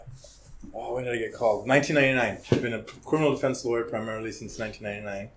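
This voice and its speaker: Talking very fast at medium pitch on a low-quality recording, this podcast guest tells stories in a loose, chatty way, often tagging his sentences with "right?". He's a criminal defense lawyer in his forties who was raised in Hong Kong.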